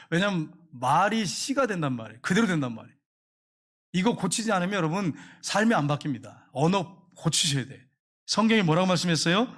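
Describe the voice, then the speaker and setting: Fast-talking, high-voiced male pastor. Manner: emphatic, repeats key phrases. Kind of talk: sermon.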